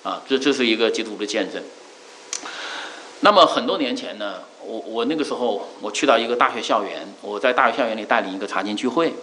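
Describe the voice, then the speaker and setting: A middle-aged male preacher giving a sermon, earnest, repeating key phrases with drawn-out fillers. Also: medium pitch, sharp tone, slight background noise, rough recording.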